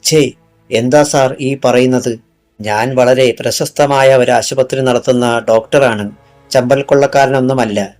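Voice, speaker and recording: Man reading as a slick doctor, calm polite denials, mid pitch, light music under. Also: unhurried, close to an everyday voice. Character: smooth, evasive male hospital doctor.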